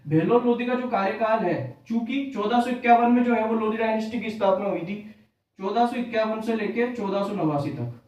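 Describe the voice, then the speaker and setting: His voice sits high and a little mellow, and he speaks briskly, far from the mic in a heavily echoing room. The man is teaching history for exam prep in Hindi with English terms mixed in, restating every key fact as a question before answering it.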